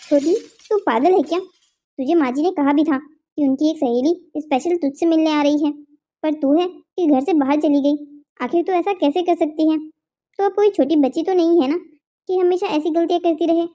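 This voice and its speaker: A woman's voice: very high voice, moderate pace, mellow. A woman voicing a responsible young elder sister and daughter-in-law who scolds her younger sister in a cartoon. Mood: scolding. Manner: scolding, exasperated.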